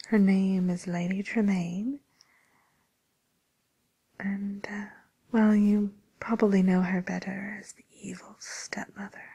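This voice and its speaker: A woman roleplays a polite matchmaker for villains in an ASMR piece, her soft whisper full of hesitant, courteous service talk. She uses an exaggerated mid-range voice with vocal fry and a breathy edge, sounding tactful and confiding.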